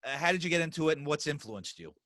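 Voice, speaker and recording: A man's voice: fairly high pitch, expressive, fast talker, bright, forceful tone, dry recording. A middle-aged man hosting a podcast, chatting casually and animatedly, with lots of restarts and repeated words. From US Northeast. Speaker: podcast host. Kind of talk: casual interview chat.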